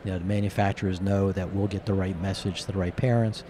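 A middle-aged man from New Jersey speaks low into a handheld mic, his voice hoarse and raspy as if nearly used up. He talks casually and rambles as a colloquial interview guest. Clear background noise surrounds him. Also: little pitch movement, quick pace, mellow. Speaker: interview guest, company executive. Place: curtained booth at a convention. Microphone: handheld microphone held close, with headphones.

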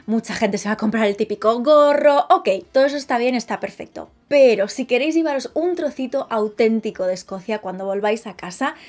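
A young woman, talking lively and chatty to camera in a casual vlog, recorded close up in a small bright room. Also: fairly high pitch. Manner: lively, chatty, gestures a lot with her hands. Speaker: vlogger.

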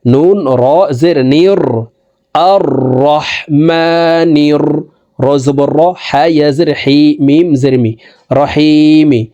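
Patient male Quran teacher, Bangladeshi Bengali accent, mellow fairly high voice, slow spelled-out recitation. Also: lo-fi sound. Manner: patient, repeats each syllable for learners to copy.

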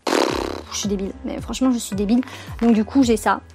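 A woman's voice: mid-range voice, huge pitch swings, quick pace, creaky, over music. A young woman chatting casually to camera in a haul vlog, frank and self-mocking. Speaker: YouTube haul vlogger.

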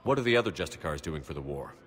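A man playing a steady, direct, heroic military commander in a video game. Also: a bass voice, rapid-fire. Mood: calm, curious. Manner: direct, matter-of-fact.

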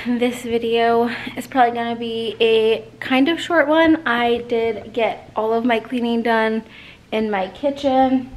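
A woman in her thirties chatting casually to a handheld camera in her kitchen about her cleaning, relaxed and rambling with the odd filler. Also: fairly high pitch. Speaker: home cleaning vlogger. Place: her home kitchen and living room. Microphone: camera held at arm's length.

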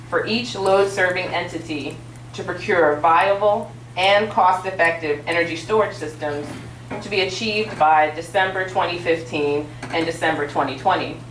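Speaking from a panel on a big auditorium stage with an audience present, this female state utilities commissioner has a lowish, fairly bright voice and offers formal policy remarks peppered with little fillers. Slight background noise and a distant, roomy hall sound color the recording.

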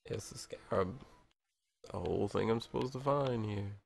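A man's voice: fairly low pitch, moderate pace, creaky, slightly rough. A man casually commenting while playing a retro video game, muttering reactions and swearing now and then. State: has the hiccups. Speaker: let's play gamer.

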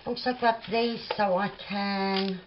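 A woman's voice: mid-range voice, steady tone, takes it slowly, muffled recording, heavy background noise. A woman with a Cockney accent chatting and thinking aloud as she works at her craft desk. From London. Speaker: craft vlogger. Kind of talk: casual crafting tutorial.

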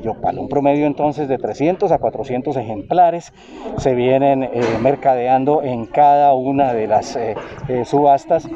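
Halting Colombian male field reporter, dull outdoor sound. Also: mid-range voice, warm tone. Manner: formal, halting with drawn-out hesitations. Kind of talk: improvised on-location news report. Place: outdoors at livestock auction yards. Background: crowd noise and distant auctioneers.

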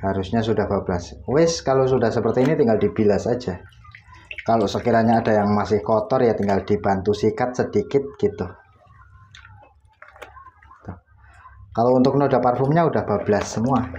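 Indoors in his home laundry area, a man casually demonstrates laundry tasks step by step. His fairly low, mellow voice keeps a moderate pace but pauses often, and the dull audio carries slight background noise.

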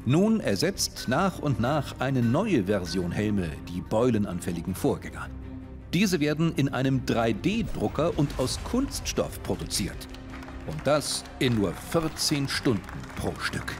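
A man reads a scripted voice-over explaining a fact. His pitch is mid but lively in its rise and fall, and soft music plays underneath. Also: measured pace. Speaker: voice-over narrator. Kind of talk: scripted narration.

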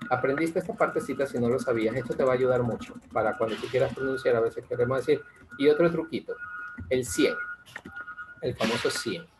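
A man, teaching English in an online class, joking and drawing out example words slowly, often checking in with "ok?". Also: medium pitch, noisy background. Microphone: video call.

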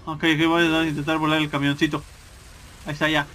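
A man talks over his gameplay in a bright, sharp tone. His voice sits a little high, with faint music underneath. He jokes crudely and swears nonstop. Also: monotone, brisk. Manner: crude, joking, swears constantly. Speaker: gameplay commentator. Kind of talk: casual gameplay commentary.

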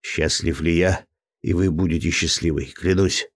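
Ardent male suitor, low voice, pleading and rapturous, hot-tempered, dry close audiobook sound, read by a man. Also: steady tone, moderate pace, no room sound. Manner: pleading, rapturous, angry outbursts.

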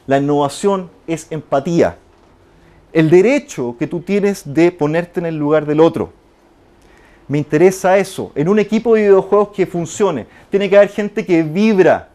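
A middle-aged man from Chile with a Chilean Spanish accent, giving an animated conference talk, peppering it with tag questions and acted-out quotes. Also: a little high. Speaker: conference speaker.

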